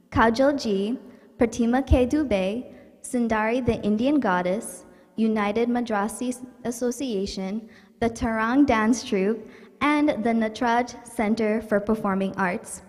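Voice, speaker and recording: A woman's voice: fairly high pitch, a little slow, a little mellow. Upbeat woman hosting with long reverb. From New York. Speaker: event host. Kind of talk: scripted virtual event hosting. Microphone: livestream setup.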